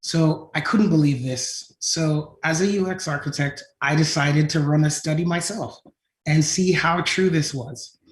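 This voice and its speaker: With a fairly high pitch and a measured pace, a tech founder delivers a conference talk about his company to a design audience. Many of his points finish on a questioning "right?". There's an echo from the room.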